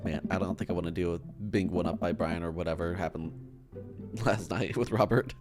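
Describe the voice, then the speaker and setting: A man's voice: low-pitched, fairly even intonation, moderate pace, music in the background. A man casually commenting on a dating game as he plays, reading its text aloud and throwing in laughing, profane asides. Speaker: gaming channel host.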